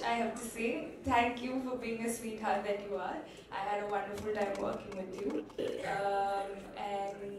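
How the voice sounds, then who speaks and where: A woman giving a thank-you speech on stage at a film launch, switching between Tamil and English, pausing often with fillers. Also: mid-range voice. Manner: unhurried, with many pauses and fillers. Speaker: actress speaking at a film launch. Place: large event hall. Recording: echoey hall from far off with crowd.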